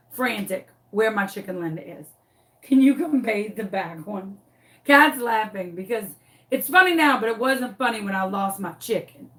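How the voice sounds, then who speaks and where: A woman vlogger tells a story with theatrical emphasis and repeats her key lines. Her voice is a bit high and swings widely. She takes it at an unhurried pace. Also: a bit bright. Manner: dramatic, breathless retelling with emphatic repeats. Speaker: craft vlogger. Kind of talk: animated storytelling.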